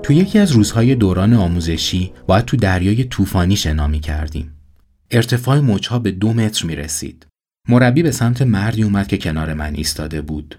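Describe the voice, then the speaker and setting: A man narrating a motivational story in a calm, earnest voice-over. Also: on the low side, faint music behind.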